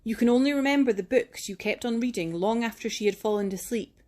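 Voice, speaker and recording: A woman reading a picture book aloud in a gentle, measured, expressive storytelling manner, like a teacher at storytime. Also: on the high side.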